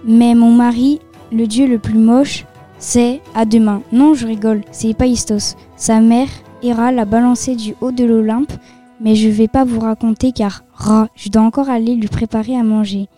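A woman's voice: on the high side, steady tone, normal speed, mellow, soft background music, natural voice. A woman playing a chatty goddess of love. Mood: playful. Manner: casual, joking, gossipy. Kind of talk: reciting a mythology monologue.

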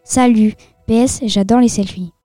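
A woman's voice: on the high side, fairly even intonation, moderate pace, dark tone, dry recording, soft background music, lightly acted. A woman voicing a vain, chatty goddess of love who jokes and gossips. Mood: playful. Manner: casual, joking, gossipy. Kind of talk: reciting a mythology monologue.

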